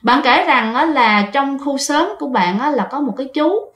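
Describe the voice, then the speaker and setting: In a chatty, casual ghost story, the narrator is a woman whose voice sits high, with a fairly bright tone, expressive delivery, and moderate pace. She addresses her listeners directly, and the room adds a noticeable echo.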